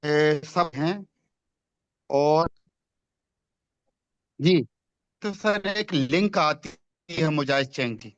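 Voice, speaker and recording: A man on an online group call, his voice choppy and breaking up over a dull, dry line. He talks slowly and haltingly, a little higher than most men. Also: smooth, dry recording. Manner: halting, slow, repeats hello. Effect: choppy, breaking-up call audio. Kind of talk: asking a question on a call.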